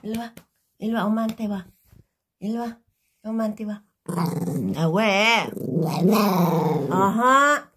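A woman talks to her pet in a somewhat high voice, scolding it and repeating short commands over and over. She speaks very slowly. She is heard from across an echoey room, well away from the mic. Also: pushed and bright. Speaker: pet owner vlogger. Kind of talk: talking to a pet. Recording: roomy, from a distance.

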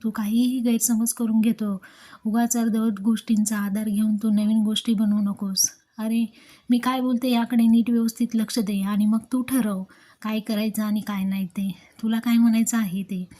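A woman's voice: fairly high pitch, flat delivery, moderate pace, warm tone, lightly acted. A woman reading the lines of a young wife who pleads with her husband to listen. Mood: pleading.

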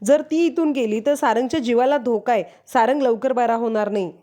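A woman voicing a worried mother who explains and apologizes about her sick son, in a high voice. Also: brisk, dark tone, close to an everyday voice. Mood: tearful.

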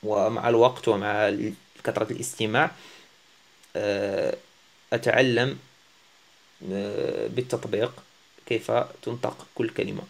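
Halting man teaching a French lesson. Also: fairly low pitch, steady tone, vocal fry. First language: not Arabic. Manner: halting, searching for words, self-deprecating. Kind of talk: casual language lesson.

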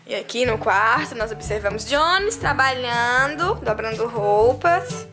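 A woman's voice: on the high side, animated, measured pace. Female family vlogger, cheerful sing-song delivery, bouncy wide-ranging voice. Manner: cheerful, doting sing-song with pets and child. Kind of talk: casual vlog narration. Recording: music playing under the voice.

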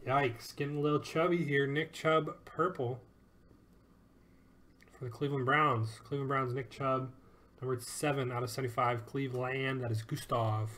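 A man's voice: medium pitch, steady tone, normal speed, a bit bright. A man hosting a live sports card break, upbeat and joking as he calls out each card and who it goes to.

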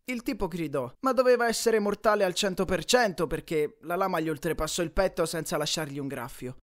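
A man narrating a first-person audiobook in a lively, expressive storytelling style. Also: sits high, a little fast.

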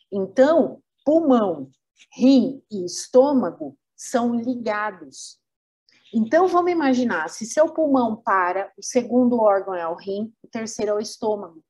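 Brief: Brazilian woman lecturer, husky, unhurried, poses questions to the class. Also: a little high, a little mellow. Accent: Brazilian Portuguese. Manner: didactic, rhetorical questions, acts out organs. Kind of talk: webinar lecture.

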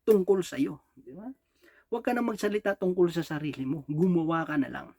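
A man's voice: a little high, brisk, gravelly, a little mellow. A Filipino man preaching a sermon in a mix of languages, often asking "di ba?" and "no?" and chuckling between points. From Philippines. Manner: rhetorical "di ba?" and "no?" checks with the congregation, frequent chuckles. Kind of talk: Taglish sermon.

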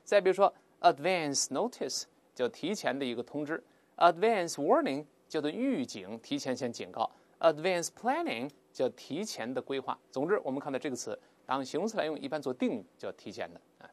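A man teaching an English vocabulary lesson, explaining patiently and drawing out example words slowly for students to repeat. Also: on the high side. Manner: lively, drawls English words slowly for repetition; explains patiently with filler particles.

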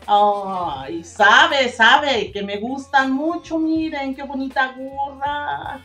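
Middle-aged woman, slow unhurried delivery, slightly high voice, excitable unboxing chat. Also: faint music behind. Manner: emotional, chatty, exclaiming. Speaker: vlogger. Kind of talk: casual unboxing vlog.

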